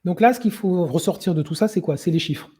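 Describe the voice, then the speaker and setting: Man, webinar presenter, very mellow dark tone, husky, lots of fillers. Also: high-pitched, a little fast. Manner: hesitant, many filler sounds, conversational. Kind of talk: explanatory webinar talk.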